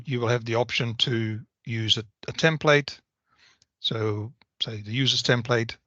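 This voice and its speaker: A man presenting a technical software walkthrough on a video call, talking through each option in a methodical, explanatory way. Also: mid-range voice, dry recording. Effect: video call audio. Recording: slightly dull video call audio.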